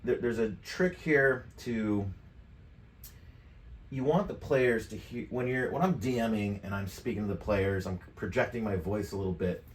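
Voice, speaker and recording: Sitting at the computer desk of his home studio, a middle-aged tutorial presenter talks through software instructions in a casual, informal way, musing aloud while he clicks. His pitch is fairly low and his pace moderate. A USB mic placed a bit away from him picks up an echoey room and noticeable background noise.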